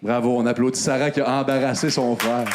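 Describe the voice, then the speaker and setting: A man's voice: mid-range voice, flat delivery, brisk, noisy background. A man with a Québécois accent hosting a live comedy show, teasing the crowd with mock outrage. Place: comedy club stage.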